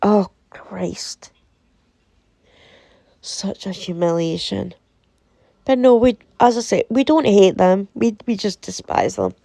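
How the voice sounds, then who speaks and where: Slow-paced British-based woman with a sore throat. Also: medium pitch, very animated, creaky, mellow, dry recording. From United Kingdom. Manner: deliberate, emphatic, repeating phrases for effect. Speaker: commentator reading and reacting to a website. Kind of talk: casual opinionated commentary.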